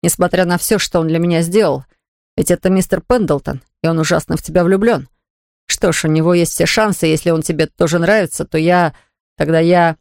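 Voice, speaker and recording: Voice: medium pitch, a little fast, darkish tone, no echo, clean studio sound, lightly acted. A reader voicing an ardent young man who earnestly begs his sweetheart. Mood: imploring. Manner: earnest, imploring.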